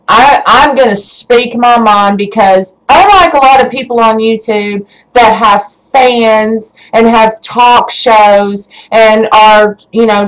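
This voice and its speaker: A woman vlogger giving an emotional webcam rant, stammering as her anger rises into shouting. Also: fairly high pitch, low-quality recording. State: shaking with rage.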